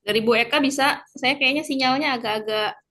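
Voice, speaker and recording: A woman's voice: high-pitched, fairly quick, sharp tone. Woman on a choppy, breaking-up call. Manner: counting down for a group photo. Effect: choppy, breaking-up online call audio. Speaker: webinar participant. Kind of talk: casual chat on a video call. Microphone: video call.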